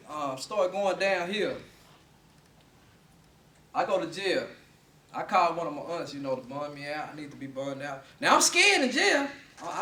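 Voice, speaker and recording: Young guy telling his story to a class, high lively voice, echoey room, kinda far from the mic. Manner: animated storytelling with laughs. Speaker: student speaker. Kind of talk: personal story speech.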